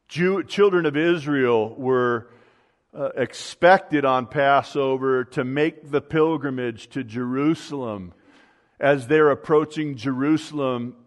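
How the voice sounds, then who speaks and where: A man delivers a sermon at a slow, deliberate pace, leaning on key words and drawing them out to teach. His voice carries the long reverb of a large church hall. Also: mid-range voice. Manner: teaching, stretches key words slowly for emphasis. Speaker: pastor.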